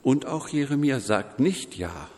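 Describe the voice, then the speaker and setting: A man preaching a sermon in a measured, deliberate way, quoting scripture voices as he goes. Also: medium pitch, very animated, a little mellow, big-room sound. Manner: slow, measured preaching with quoted voices woven in.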